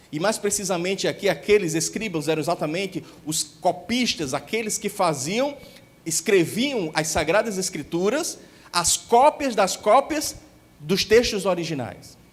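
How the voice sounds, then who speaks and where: A Brazilian man with a northeastern accent, preaching a youth-service sermon as pastor and slowing down to stress sacred names. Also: high-pitched. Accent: Brazilian Portuguese, northeastern. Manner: teaching, slows to stress holy names.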